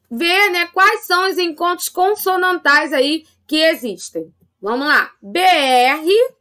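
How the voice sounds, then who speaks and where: Slow, bright-voiced Brazilian woman teacher. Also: extremely high pitch. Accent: Brazilian Portuguese. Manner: slow, patient teacher talk with frequent "tá?" check-ins. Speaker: primary school teacher. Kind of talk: recorded remote lesson for children.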